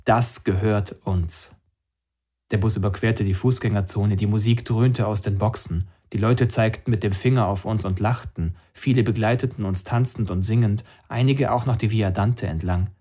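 Low-voiced man narrating a novel. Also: steady tone, normal speed, few pauses, warm tone. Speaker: audiobook narrator. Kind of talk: scripted narration.

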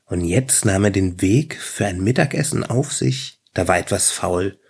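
Brief: male audiobook narrator, low husky gravelly voice, unhurried. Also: animated, a little mellow.

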